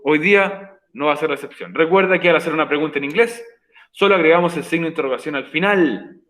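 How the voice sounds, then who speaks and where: Emphatic male English teacher, higher voice. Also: quick pace, a bit bright, poor audio. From Chile. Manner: patient, repeats points for emphasis. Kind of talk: recorded online class explanation.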